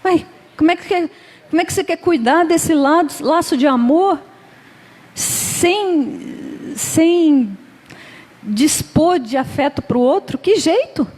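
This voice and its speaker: Guest-speaking at a Spiritist center, a middle-aged woman with a high, darkish voice and a Brazilian Portuguese accent gives a relaxed religious lecture. She talks conversationally, laughs often and dramatizes short everyday dialogues, all in a lecture hall with long reverb.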